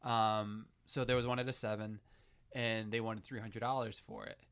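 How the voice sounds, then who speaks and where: A man's voice: lowish voice, level tone, normal speed, fairly bright tone, clear, resonant tone. A man co-hosting a casual podcast chat, telling stories in an easygoing way. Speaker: podcast co-host.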